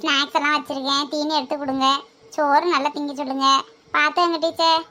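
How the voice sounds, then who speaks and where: A woman's voice: sits high, little pitch movement, quick pace, bright, forceful tone. A woman playing an anxious, doting mother who coaxes her son and fusses over him. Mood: coaxing. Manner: coaxing, fussing and pleading.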